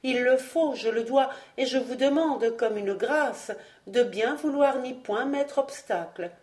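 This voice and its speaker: A proud, dignified young noblewoman in a storybook reading, earnest and restrained, held a little higher than the narration, as a woman reader voices her. Her tone stays respectful and firm. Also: measured pace, a little mellow, close to an everyday voice. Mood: pleading.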